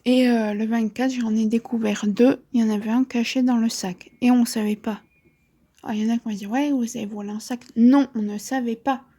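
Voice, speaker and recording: A woman's voice: fairly high pitch, fairly even intonation, fairly quick, warm tone. A woman in her twenties chatting casually about books she bought, rambling with chatty asides and frequent self-corrections. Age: 20s. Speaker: book vlogger. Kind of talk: casual book haul chat.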